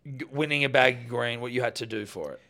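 A man hosting a casual podcast, telling stories with lively asides. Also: medium pitch, fast, gravelly. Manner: animated, storytelling with asides. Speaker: podcast host. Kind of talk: casual banter.

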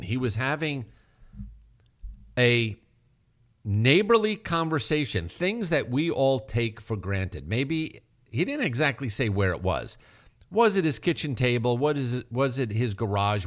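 A male health show host explaining heart tests in an emphatic manner, asking rhetorical questions. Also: medium pitch. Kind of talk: radio health talk.

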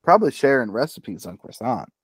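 A man's voice: medium pitch, sing-song, fairly quick, slightly rough, no room sound, clean studio sound. A man co-hosting a podcast, chatting casually in a rambling way, full of fillers. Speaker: podcast co-host. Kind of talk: casual chat.

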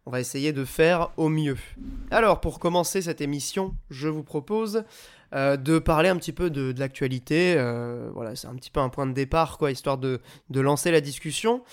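A man's voice: a little high, moderate pace, clear, resonant tone. A man hosting a casual video game podcast in a chatty, improvised way, his voice nasal and stuffed up from a cold. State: has a head cold. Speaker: podcast host. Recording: music behind the voice. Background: music.

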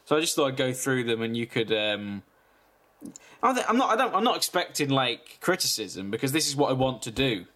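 A man, deadpan in a comedic casual chat as podcast co-host. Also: medium pitch, brisk. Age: 20s. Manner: deadpan, reading a list with asides.

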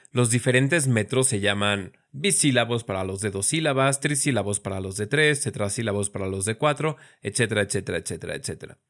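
A man teaching in a clear, explanatory way, slowing down to sound out words syllable by syllable, with a light humorous aside now and then. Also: mid-range voice, fairly bright tone. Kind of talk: scripted educational explanation.

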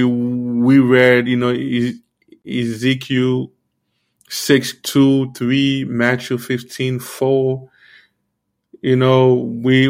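A man giving an earnest, informal sermon, repeating himself often and filling pauses with "you know". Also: mid-range voice. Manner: earnest, repetitive, many fillers like "you know". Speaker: preacher.

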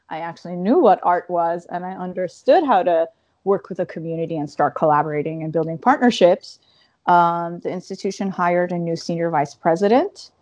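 A woman in her thirties, an interview guest, telling her career story in an animated way with quick asides. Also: fairly low pitch, dry recording, dull audio.

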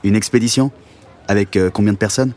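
A man's voice: lowish voice, brisk, a little mellow, close to an everyday voice. A man voicing a nervous, teasing young schoolboy in an audio story.

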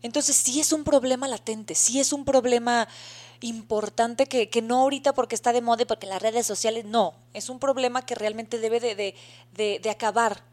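A woman co-hosting a casual podcast chat, speaking with a Mexican accent. Her voice sits a little high, and she explains things earnestly, often restarting her sentences. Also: fairly even intonation, normal speed, a little mellow. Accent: Mexican Spanish. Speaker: podcast co-host.

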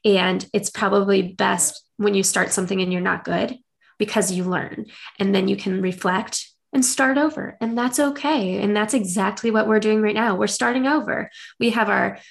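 Woman with a creaky, vocal-fry voice. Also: medium pitch, normal speed. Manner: earnest, rambling, upbeat. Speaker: podcast co-host. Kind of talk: casual chat.

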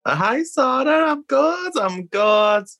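A Liverpool activist with a thick Scouse accent speaks candidly and casually as a podcast guest from home, peppering her speech with "like." Her voice is high, gravelly and a bit bright, with big pitch swings, and she takes it slowly.

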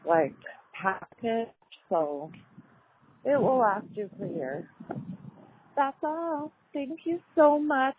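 A woman's voice: on the high side, a little hiss or hum. A woman leaving a chatty, rambling voicemail over the phone, as though walking or driving. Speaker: caller. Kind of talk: casual phone message. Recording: tinny phone-line voicemail.

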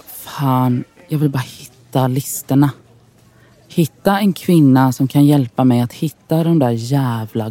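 A woman's voice: very deep voice, creaky, dark tone, no room sound. A woman from Sweden in a scripted inner monologue, wry, frustrated and profane as she talks to herself.

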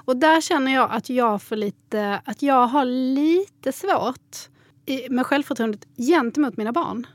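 A woman in her thirties co-hosting a casual chat, reflective and trailing off softly at the ends of phrases. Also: high voice, no room sound. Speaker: podcast co-host.

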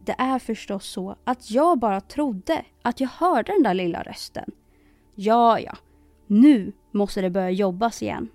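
A woman's voice: medium pitch, a little mellow, no room sound, faint music behind, lightly acted. A woman voicing an old male carpenter who mutters to himself in a storybook reading. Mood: forced cheer. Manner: muttering, nervous false cheer.

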